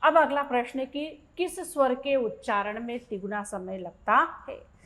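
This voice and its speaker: A woman with a fairly high voice teaches a grammar lesson at an unhurried pace. She reads each question aloud, repeats it, and walks through the answer step by step, like a patient exam-prep tutor. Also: fairly even intonation, a bit bright. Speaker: Hindi teacher.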